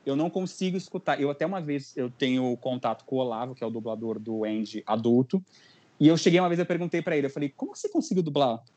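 Fast-talking young Brazilian man. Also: medium pitch. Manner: animated storytelling, acts out quotes. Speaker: podcast host. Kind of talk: casual chat.

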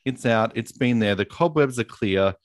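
A man's voice: mid-range voice, normal speed. A young man co-hosting a podcast, laughing and teasing his friend in casual banter. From Australia. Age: young adult. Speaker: podcast co-host.

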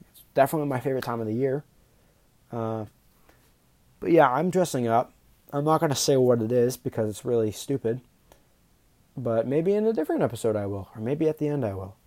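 With no echo on the recording, a man with a medium-pitched, darkish voice talks unscripted on his own solo podcast. His delivery is nervous, full of stumbles, restarts and frequent ums.

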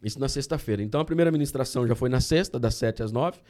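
A man from Brazil, a guest on a podcast, telling a personal story in a casual, animated way and often saying "cara". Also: medium pitch, very fast. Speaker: podcast guest, candy entrepreneur.

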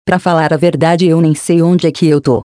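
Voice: medium pitch, fairly even intonation, normal speed, mellow, no echo, clean studio sound, lightly acted. A storyteller voicing a young girl who is lost and unsure and asks timid questions.

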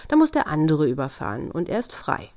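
A quick-tempered old devil, voiced by a woman reading a storybook aloud speaks gruffly and snaps with irritation. The voice sits a little low, and the recording is dry and close. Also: wildly swooping pitch, darkish tone, no echo. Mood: grumbling. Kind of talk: fairy-tale reading.

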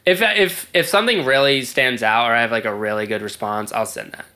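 A man's voice: medium pitch, a little fast, sharp tone. A young man chatting casually as a comedian guest on a podcast, with a nonchalant, joking manner. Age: young adult.

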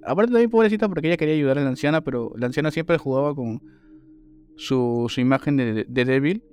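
A man's voice: mid-range voice, fast talker, slight background noise. A man chatting casually about a horror film, rambling with frequent restarts. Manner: relaxed, rambling, hesitant restarts. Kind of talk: casual film review chat.

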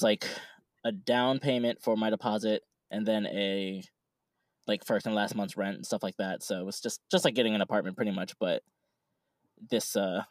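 A man's voice: on the low side, darkish tone, no echo. A man co-hosting a podcast who talks in a rambling, hesitant way with many restarts. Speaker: podcast co-host. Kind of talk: casual chat.

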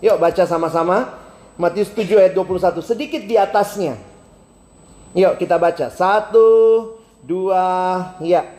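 Animated high-voiced male preacher, echoey hall. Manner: animated, acts out both sides of a phone call; emphatic, drawn-out words for stress. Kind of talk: sermon with storytelling. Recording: echoey hall with faint ambience.

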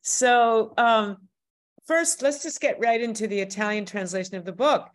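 A woman's voice: fairly high pitch, normal speed. A woman hosting an interview, enthusiastic and encouraging toward her guest. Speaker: host, workshop leader. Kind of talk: podcast interview.

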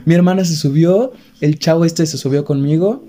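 A young man with a Mexican accent, telling a story in casual chat, animated and laughing nervously now and then. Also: fairly high pitch, moderate pace, a little hiss or hum. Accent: Mexican Spanish.

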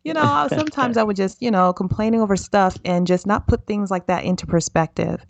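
A woman's voice: mid-range voice, brisk, gravelly, dry recording. Chatty woman podcast host. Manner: chatty, playful, self-deprecating. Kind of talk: casual interview chat.

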